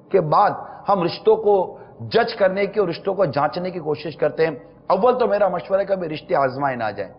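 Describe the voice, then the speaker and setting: A man hosting a religious talk show, explaining patiently and slowing down to stress key points. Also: a little high, in a large hall, highs cut off. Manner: measured, explanatory, slows for emphasis. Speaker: religious scholar answering questions.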